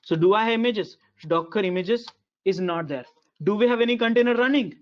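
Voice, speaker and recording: High-voiced man, low sample rate. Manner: repetitive, halting, many fillers. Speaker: instructor. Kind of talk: online class lecture. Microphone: video call. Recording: dull lo-fi call audio.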